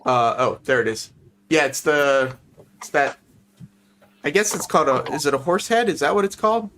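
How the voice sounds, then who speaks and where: On a group video call from his hobby workbench, a middle-aged man hosts a livestream and chats casually while building model kits. His voice is a little high and a bit bright at a normal pace, and he teases and jokes as he works. There's a slight hiss or hum in the audio.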